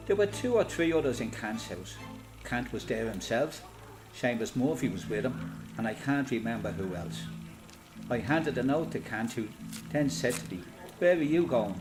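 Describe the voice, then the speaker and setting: A man with an Irish accent plays a resolute, plain-spoken freedom fighter in a radio play, giving measured, matter-of-fact testimony in the first person. His natural voice is mid-range, and the audio is poor.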